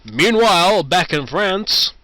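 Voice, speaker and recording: A man's voice: high voice, very animated, takes it slowly, background noise, heavily acted. A man as a melodramatic cartoon serial announcer. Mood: mock grandeur. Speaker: narrator. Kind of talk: mock-dramatic scripted narration.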